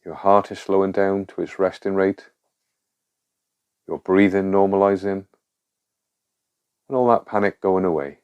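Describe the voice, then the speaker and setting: Male guide for a calm grounding exercise: low-pitched voice, reassuring, gives clear step-by-step instructions. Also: measured pace, pauses often, muffled recording. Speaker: guide of a panic relief exercise.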